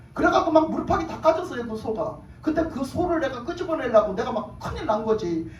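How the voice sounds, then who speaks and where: A pastor preaching a sermon, telling a personal story in a lively, colloquial way that flares into excitement. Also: male voice, extremely high pitch. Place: church sanctuary. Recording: roomy church hall, far from the mic, faint background noise.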